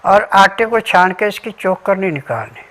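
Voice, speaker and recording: A man's voice: high voice, animated, normal speed, a bit bright, slight background noise. Methodical man explaining home remedies. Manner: methodical, lists remedies and diet rules step by step. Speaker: Ayurvedic remedy advisor. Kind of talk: instructional health talk.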